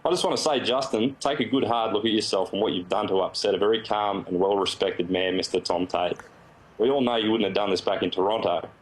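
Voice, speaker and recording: A man's voice: fairly low pitch, fairly even intonation, quick pace, rough recording. An Australian man with an Australian accent delivering a sarcastic, mock-threatening recorded video message.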